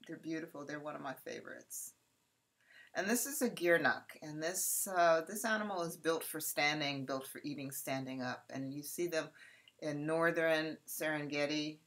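A woman from California walks an audience through a safari slideshow. Her voice sits low, yet it comes across bright and forceful. She talks in a chatty, direct way. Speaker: safari presenter. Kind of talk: narrating a slideshow presentation.

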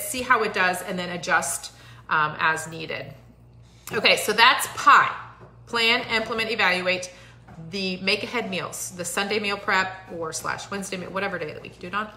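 Bright-voiced woman hosting a live stream. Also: medium pitch, roomy sound. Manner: encouraging, chatty, many fillers. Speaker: host. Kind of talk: casual live-stream talk. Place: home living room, indoors. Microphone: phone at arm's length.

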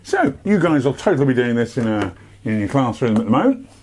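A man's voice: medium pitch, very animated, a little fast, darkish tone, slight background noise. A British man presenting a playful maths lesson for young children, with theatrical, sing-song emphasis. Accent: British English.

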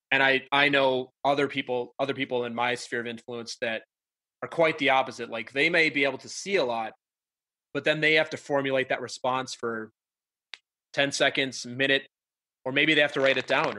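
Bright-voiced podcast host. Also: male voice, medium pitch. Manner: chatty, upbeat, many fillers. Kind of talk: casual conversation.

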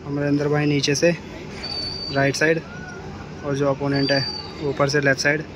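Standing on a city rooftop with his phone, a young man calls a kite fight in a steady, flat running commentary. His voice is fairly high and his pace moderate, and the outdoor phone recording picks up street noise.

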